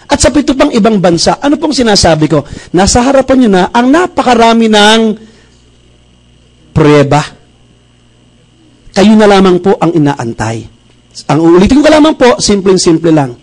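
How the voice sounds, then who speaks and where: A middle-aged man from Bacolod in the Philippines, a pastor giving a motivational testimony speech, telling stories in a lively way and acting out the dialogue. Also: extremely high pitch, rough recording. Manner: animated storyteller who acts out dialogue.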